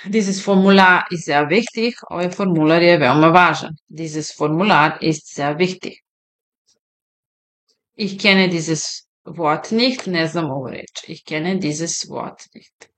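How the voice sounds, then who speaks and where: A woman teaching German, slowly repeating example sentences and translating them into her own language, explaining points conversationally. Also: sits low. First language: Serbian. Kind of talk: slow, deliberate language lesson.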